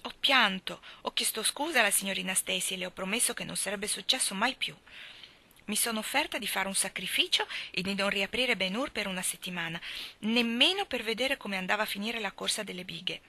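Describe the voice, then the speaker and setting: A woman's voice: medium pitch, brisk, vocal fry, pushed and bright. A woman voicing an earnest, talkative thirteen-year-old girl who pours out her words in an effusive rush, in an audiobook reading. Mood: earnest, pleading. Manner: breathless, effusive, talks on and on.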